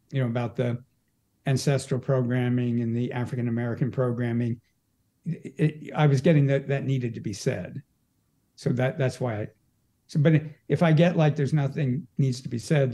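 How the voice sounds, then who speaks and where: Mellow-voiced man explaining his practice. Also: medium pitch, steady tone, moderate pace. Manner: explanatory, stammers on restarts. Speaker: energy work practitioner guest. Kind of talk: casual conversational interview.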